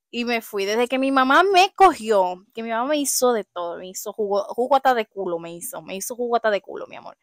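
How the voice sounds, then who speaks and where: A woman's voice: fairly high pitch, no echo, clean studio sound. A young woman with a Dominican accent telling a casual storytime vlog, retelling events dramatically and acting out what people said. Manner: animated, dramatic retelling with acted quotes, many restarts. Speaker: vlogger.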